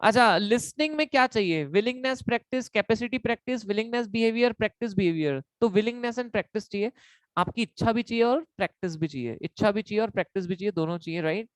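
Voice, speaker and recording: With a high-sitting voice and fast delivery, a man runs an online exam-prep class as a live quiz, switching between Hindi and English. He's playful and teasing and goes over each point twice. There's no room sound.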